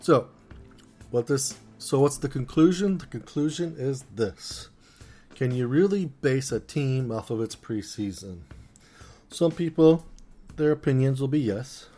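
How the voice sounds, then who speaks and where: A man hosting a casual solo podcast, talking through his food in a playful, rambling way. His voice sits at an ordinary middle pitch, with a little music playing softly behind him. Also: animated, measured pace. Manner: playful, chatty, talking while eating. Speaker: podcast host.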